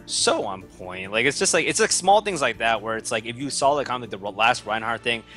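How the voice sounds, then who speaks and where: A man's voice: medium pitch, animated, fairly quick, pushed and bright. A tired young man casting an esports match in a rambling, joking, self-mocking way, with faint music behind. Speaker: esports caster. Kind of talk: casual esports commentary.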